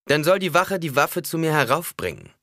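A man's voice: fairly high pitch, very animated, brisk, a bit bright, no echo, studio quality, pitched above the performer's own voice. A man voicing a stern, proud noblewoman who speaks with icy, commanding scorn. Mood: demanding.

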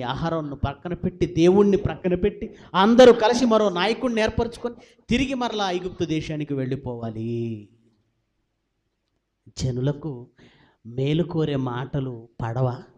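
High-voiced man preaching a dramatic sermon. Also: darkish tone. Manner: dramatic preaching with sudden rises and drops in volume; asks the congregation questions and answers them himself. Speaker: pastor. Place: large church hall with about four hundred people.

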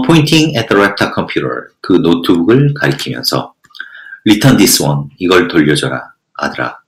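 A man teaching a textbook lesson, reading English sentences slowly before explaining each in detail. His voice sits fairly low but moves around a lot, rising and dropping as he asks and answers his own questions. The recording has a noticeable roomy echo. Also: a bit bright. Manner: reads English lines slowly, then explains in Korean with rhetorical questions. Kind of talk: lecture reading and translating a textbook passage.

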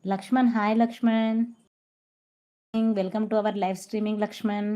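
The sound is lo-fi as a woman from Telangana, India, with a medium-pitched voice speaks slowly and flatly on her casual live stream. She chats in a Telangana Telugu accent, greeting viewers by name and weaving in English.

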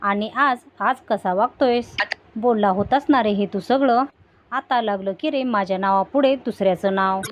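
A woman's voice: medium pitch, normal speed, muffled recording, slight background noise, lightly acted. Woman reading as a bitter, jealous young woman. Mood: bitter taunting. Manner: bitter, taunting retelling.

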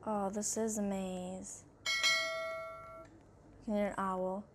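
A woman with a mid-range voice plays a horror game on her own gaming channel, commenting nervously and repeating how scared she is while narrating what she sees. Her let's-play delivery is flat and unhurried, thinking aloud throughout. The recording is very noisy.

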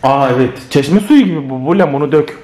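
A man's voice: fairly high pitch, fairly quick. A man filming a casual family vlog, talking playfully to his kids and the viewers. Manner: lively, playful, often laughing while talking to children and viewers. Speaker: family vlogger. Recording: noisy home video recording.

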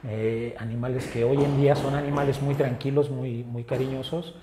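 A man with a Mexican Spanish accent, an animal rescuer, talking earnestly in an interview and often pausing on filler words. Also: mid-range voice, flat delivery, background noise. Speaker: animal rescue group founder. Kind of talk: casual interview talk. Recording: roomy echo with faint ambience.

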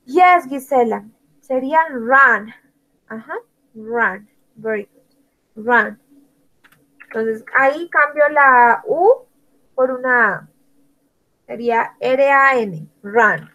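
Woman teacher, fairly high voice, unhurried delivery; spells each word aloud and calls on students by name. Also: pushed and bright, low-quality recording. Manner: slow, spells out words letter by letter. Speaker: English teacher. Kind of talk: online language lesson.

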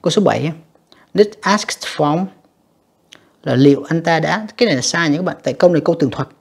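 Husky-voiced teacher. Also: mid-range voice. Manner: patient, repetitive explaining with frequent tag particles; reads English words slowly and carefully. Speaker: English teacher. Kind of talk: exam review lesson.

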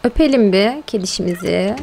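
A woman's voice: medium pitch, lively intonation, moderate pace, vocal fry, a little mellow, slight background noise. A woman streamer chatting casually while playing a game, exclaiming and cooing at her pets and talking to viewers. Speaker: gaming streamer. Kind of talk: casual live-stream gameplay chat.

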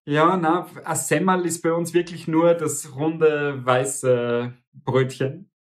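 A man's voice: fairly high pitch, slow pace. Laughing Austrian man chatting. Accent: Austrian, Viennese. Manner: laughs often, relaxed and playful. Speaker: co-host. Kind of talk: casual chat.

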